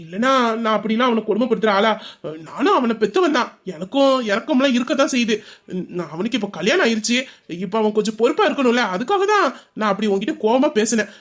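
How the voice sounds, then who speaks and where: For an audio drama, a performer voices Sellamuthu, a stern, thrifty middle-aged father and shop owner who lectures his wife and justifies himself persuasively. The delivery is expressive and quick, medium in pitch and close to an everyday voice.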